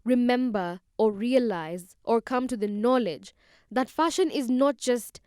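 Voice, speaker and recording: A woman's voice: a little high, measured pace, darkish tone, smooth, no room sound, studio quality. A 21-year-old woman, hosting her own podcast in a bubbly, chatty way, talking straight to her listeners. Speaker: podcast host. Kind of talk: solo podcast monologue.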